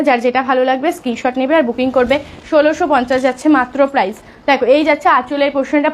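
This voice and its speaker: A woman selling sarees on a live stream, talking softly because of a sore throat and urging viewers to book fast. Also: sits high, slight background noise. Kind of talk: live sales pitch.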